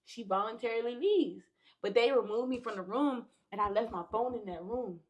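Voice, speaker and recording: A woman's voice: fairly high pitch, moderate pace. A woman guest on a podcast, casually telling a long story with profanity and acted-out quotes. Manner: animated, profane, acts out quotes.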